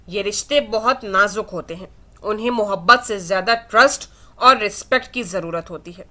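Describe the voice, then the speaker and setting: A woman voicing Mehr, a caring young woman who gently reasons with her friend, in a read-aloud novel. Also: mid-range voice.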